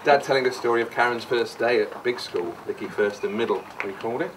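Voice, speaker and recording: Talking fast in a mid-range voice, a man gives a rambling speech at a wedding reception in the style of a best man, though he is the bride's brother. He's jokey and mock-sincere and keeps digressing. The live recording is noisy and distant.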